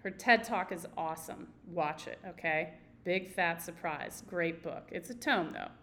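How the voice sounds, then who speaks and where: A woman's voice: fairly low pitch, measured pace, pushed and bright, slight background noise. Emphatic, indignant woman podcaster. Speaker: podcast host. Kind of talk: solo podcast monologue.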